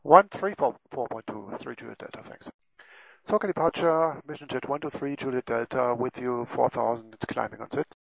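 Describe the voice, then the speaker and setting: A man's voice: medium pitch, normal speed, gravelly, breathy edge, dry recording. A man talking as a pilot over a cockpit headset radio, making clipped, procedural calls. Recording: muffled lo-fi radio audio.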